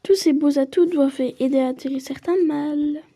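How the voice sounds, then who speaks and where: Reading a story game aloud at a moderate pace, a woman slips easily from first-person narration into chatty asides. Her voice sits high yet stays very mellow and warm, without any edge. It's a casual playthrough with read-aloud narration.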